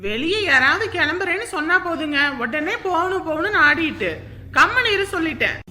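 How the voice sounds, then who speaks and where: A woman's voice: extremely high pitch, expressive, brisk, long reverb tail, heavy background noise. A woman playing a busy young mother and daughter-in-law, who scolds and teases her child. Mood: brisk. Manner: scolding, bustling, teasing a crying child. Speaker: daughter-in-law in a family drama. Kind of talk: family drama acting.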